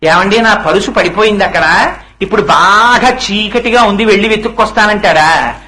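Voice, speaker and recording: Guy preaching a scripture sermon, high bright voice, keeps asking the crowd questions. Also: rough recording. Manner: rhetorical questions to listeners; chants Sanskrit verses slowly. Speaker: religious discourse speaker.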